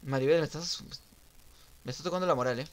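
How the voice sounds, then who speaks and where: A young man streaming a game, giving casual live commentary that swings from muttering to sudden shouts and sing-song teasing. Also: a little high, fast, slight background noise. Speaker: gaming streamer.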